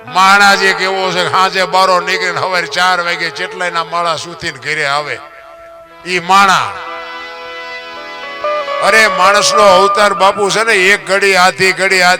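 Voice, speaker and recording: A man's voice: high-pitched, fairly even intonation, a little slow. A man, telling folk stories in a moralizing talk, preachy, full of rhetorical questions and lines he half-sings. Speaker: folk storyteller and writer. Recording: clear guitar music under the voice. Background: guitar music playing.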